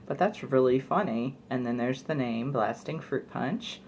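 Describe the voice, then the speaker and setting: Young woman w a really low voice, chatty product review, rambly, bit of hiss. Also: unhurried, darkish tone. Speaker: beauty vlogger.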